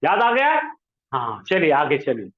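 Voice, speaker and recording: An Arabic grammar teacher leads a classroom lesson, coaxing his students to repeat words aloud in a fairly high voice that swoops wildly in pitch at an unhurried pace. The sound is roomy, dull and lo-fi.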